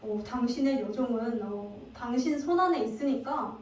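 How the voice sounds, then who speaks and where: A woman preacher acting out a flustered husband who softly and hesitantly placates his angry wife. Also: on the high side, expressive, moderate pace, slight background noise, close to an everyday voice. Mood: placating. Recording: very echoey hall, distant mic.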